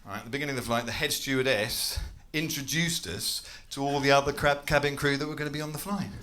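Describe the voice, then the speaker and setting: Laughter from a club crowd can be heard as an English comedian delivers a chatty, self-deprecating set peppered with swearing. His mid-range voice is bright and forceful, quick, with fairly even intonation.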